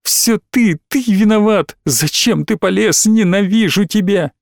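A man's voice: fairly high pitch, moderate pace, darkish tone, no echo, studio quality, lightly acted. A man reading an audiobook, voicing a distraught teenage girl who wails and pleads. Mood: furious. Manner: wailing, pleading.

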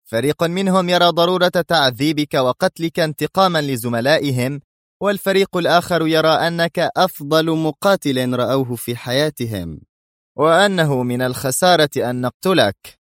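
A man's voice: a little high, moderate pace, no room sound, studio quality, pitched above the performer's own voice, lightly acted. A man reading a story, voicing a stern, gloating mercenary general who gets angry. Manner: firm, angry bursts.

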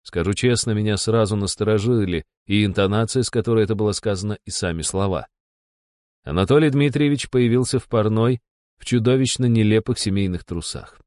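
A man narrating a first-person story with a steady, wry delivery. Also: on the low side, a little fast, dry recording, studio quality.

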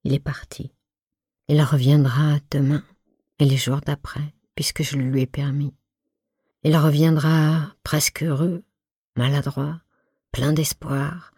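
A woman's voice: low voice, dark tone, husky, no echo, studio quality. A woman reading a literary novel aloud in the first person, intimate and often half-whispered. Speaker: audiobook reader. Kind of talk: literary audiobook narration.

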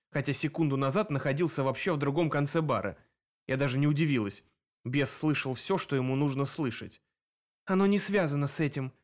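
A man reading an urban fantasy audiobook in a steady, expressive narrating voice. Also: medium pitch. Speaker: audiobook reader. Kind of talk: scripted narration.

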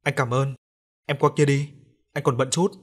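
A man voicing a grieving young man who speaks briefly and quietly. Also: medium pitch, steady tone, normal speed, lightly acted. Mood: subdued.

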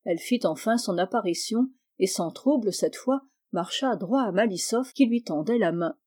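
A woman reading a classic novel aloud in an even, measured storytelling manner. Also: mid-range voice. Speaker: audiobook reader. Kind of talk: scripted narration.

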